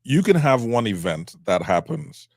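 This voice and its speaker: A middle-aged man from Cameroon, a trial attorney, speaking as a guest in an interview in a measured, reflective way. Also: mid-range voice, very animated, vocal fry, no echo, clean studio sound. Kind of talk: interview conversation.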